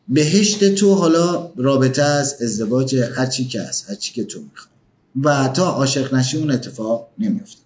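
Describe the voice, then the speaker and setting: A man's voice: mid-range voice, a little mellow. A man giving a motivational talk, pressing the listener with emphatic questions. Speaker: motivational speaker.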